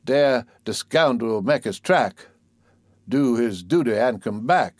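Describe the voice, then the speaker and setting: A man voicing an old storyteller, fond and scolding, dry close sound, middle pitch. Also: lively intonation, slow, no room sound. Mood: folksy. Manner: fond, scolding, folksy drawl. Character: old storyteller coaxing a fussy child. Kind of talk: dialect poem recitation.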